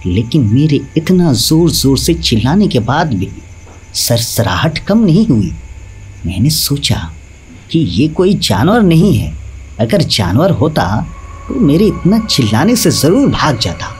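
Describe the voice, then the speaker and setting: A man narrating a scripted horror story in a dramatic, animated storytelling manner. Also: fairly high pitch, a little slow, breathy edge. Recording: faint background music.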